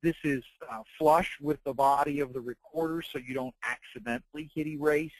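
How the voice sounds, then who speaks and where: A man presenting an informal product tutorial, explaining things in a halting, piecemeal way. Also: fairly high pitch, fairly even intonation, no room sound, rough recording. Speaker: presenter demonstrating dictation devices and software. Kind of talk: informal product tutorial narrated over slides.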